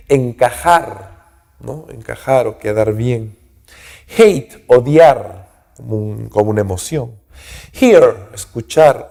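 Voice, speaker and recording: A man teaching an English grammar lesson, speaking slowly, checking in with "¿no?" and "¿ok?" after nearly every phrase, and saying English words louder and higher before their translation. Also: creaky. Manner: slow and repetitive, checks in with "¿no?" and "¿ok?" constantly. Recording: long hall reverb.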